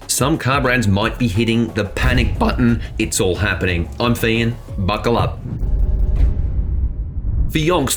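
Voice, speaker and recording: A man with an Australian accent presenting motoring news in a chatty, conversational way, with asides to the viewer. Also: fairly low pitch. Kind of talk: presenting car news to camera.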